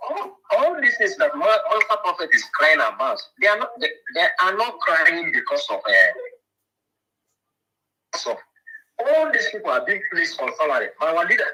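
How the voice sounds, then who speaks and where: A man's voice: fairly high pitch, very animated, normal speed, sharp tone, husky, rough recording. A man calling in to a talk show, heard through a phone on speaker, hesitant and full of fillers, often repeating himself. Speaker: caller. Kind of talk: call-in chat.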